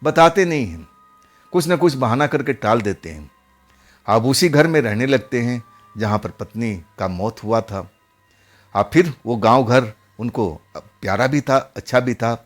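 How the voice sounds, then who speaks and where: A man narrating a horror story in a casual, conversational way, often repeating his phrases. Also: mid-range voice.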